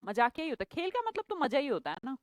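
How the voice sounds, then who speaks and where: A woman's voice: high voice, very animated, fast, no room sound. A woman teaching English vocabulary in a live online class, chatty and playful, teasing her students by name.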